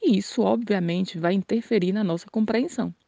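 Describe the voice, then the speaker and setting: Mellow-voiced woman teaching Spanish. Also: medium pitch, creaky, no echo. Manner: slow, careful model pronunciations; friendly, addresses viewers directly. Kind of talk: casual video lesson.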